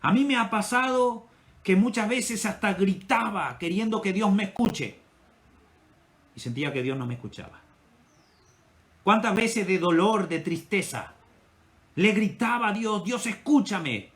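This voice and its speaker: A male pastor with an Ecuadorian Spanish accent preaching a sermon with impassioned delivery, his loudness rising and falling. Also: high-pitched, a little slow, pauses often.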